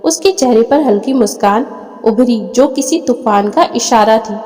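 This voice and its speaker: A woman narrating a family drama as a storyteller, reading all the dialogue herself in one steady voice. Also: fairly high pitch, normal speed, big-room sound, faint music behind.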